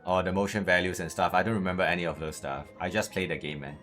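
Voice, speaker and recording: A man's voice: low-pitched, steady tone, fast talker, a bit bright. A man with a Malaysian accent chatting casually on a gaming livestream, hesitant and often repeating his words. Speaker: game streamer, host. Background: music.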